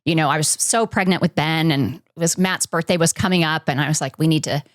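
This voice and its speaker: Soft-spoken woman telling a family story. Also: low-pitched, no room sound, clean studio sound. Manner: reflective, halting, many fillers. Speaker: podcast guest. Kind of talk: personal storytelling in an interview.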